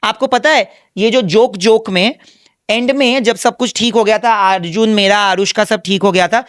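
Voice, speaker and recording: A young man answering interview questions candidly, in an animated, emphatic way, mixing Hindi and English and acting out remarks he quotes. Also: high-pitched, moderate pace, clean tone, no room sound, studio quality. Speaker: reality show contestant as interview guest.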